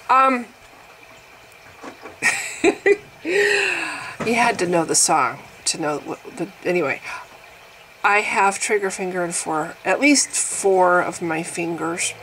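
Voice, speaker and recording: A woman in her early fifties vlogs at home, making fun of her own aches with big dramatic swings in her voice. Her pitch sits in the middle of the range, and a faint hiss lies under the talk. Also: big pitch swings, takes it slowly, long pauses, poor audio. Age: 50s. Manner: wry, exaggerated, laughing at herself, swings in pitch and loudness. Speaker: vlogger. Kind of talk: casual self-mocking monologue to camera.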